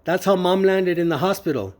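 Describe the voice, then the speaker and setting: A man testifying before a judge, speaking earnestly and haltingly with many fillers and restarts. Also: high-pitched. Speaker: witness testifying in court.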